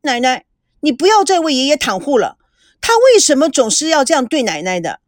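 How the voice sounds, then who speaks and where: A woman voicing a tearful, indignant teenage granddaughter who pleads in a high, whiny voice. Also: very animated, measured pace, fairly bright tone, dry recording, studio quality, heavily acted.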